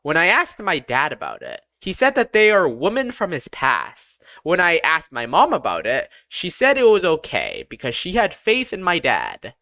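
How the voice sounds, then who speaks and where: Reading a scripted first-person tale aloud, this audiobook narrator uses an expressive, measured storytelling style at medium pitch. The studio sound is clean with no echo.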